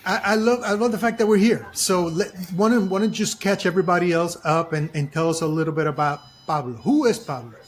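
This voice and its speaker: This high-voiced man hosts an interview podcast. He speaks deliberately, repeating phrases to drive his points home.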